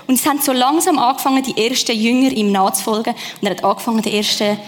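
A woman preaching a sermon, lively and personal, speaking straight to her listeners. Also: a little high, fast talker, in a large hall.

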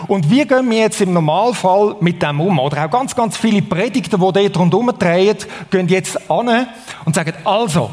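A man with a high voice and a Swiss German accent delivers a sermon. He talks in a relaxed, conversational way and keeps asking his listeners questions. His voice carries a long reverb from a large hall. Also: fairly quick. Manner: conversational, asks the audience questions. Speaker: preacher.

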